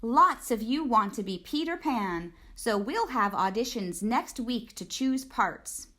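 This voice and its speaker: A woman's voice: a little high, sing-song, slow pace, pushed and bright, full character voice. A woman voicing a fair schoolteacher in a storybook, announcing things to a class in an orderly way. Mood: brisk, announcing. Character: schoolteacher, brisk, fair, addressing her class.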